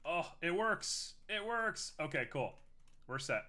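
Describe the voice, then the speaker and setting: A young man makes art live on stream, chatting casually, ribbing himself, and thinking out loud as he goes. His voice is slightly high with a sharp tone, and his delivery is slow and sing-song.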